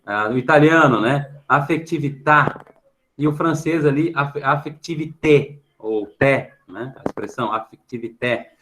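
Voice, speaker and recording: Recorded roughly through a computer microphone on a video call, this clip features a Brazilian man at medium pitch with a fairly bright tone. He patiently teaches middle schoolers online in a Brazilian Portuguese accent, checking in after nearly every phrase and using a questioning tag to fill pauses.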